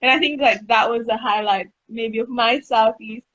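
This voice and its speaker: A woman on a research station's staff chatting in a live Q&A, giggly and excited as she tells stories. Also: a little high, normal speed. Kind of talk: casual live Q&A chat. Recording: dull lo-fi stream audio.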